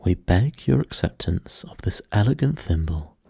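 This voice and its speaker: A man's voice: low voice, big pitch swings, moderate pace, creaky, dark tone, slightly rough, no echo, clean studio sound, heavily acted. A man voicing a solemn, self-important male dodo bird in a storybook, with grave, declaratory delivery.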